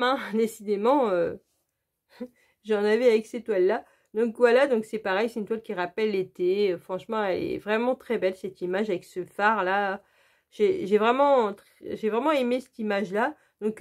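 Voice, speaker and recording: Chatty woman, slightly high voice. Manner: chatty, repeats "donc, euh" and "franchement", addresses viewers directly. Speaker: crafting channel host. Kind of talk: casual unboxing walkthrough.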